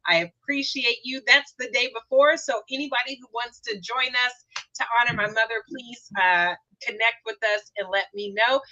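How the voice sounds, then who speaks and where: A woman's voice: a little high, moderate pace, pushed and bright, no echo, dull audio. A woman hosting a live talk show, upbeat and promotional, thanking her guests. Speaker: host and founder of the show.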